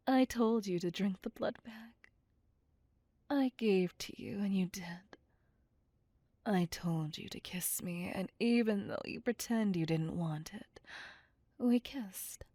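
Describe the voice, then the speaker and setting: A voice actor plays a possessive female vampire in an ASMR roleplay, speaking slowly and breathily, close and dry, shifting between smug commands and teasing whispers. Her voice is medium-pitched and mellow, the mood smug and whispering, and the recording dry.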